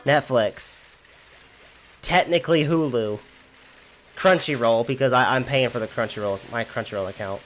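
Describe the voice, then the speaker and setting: A man in his twenties rambles through a casual gameplay stream at normal speed, pausing often and laughing frequently as he answers chat. His pitch is an ordinary male middle range, with soft game music faintly in the background.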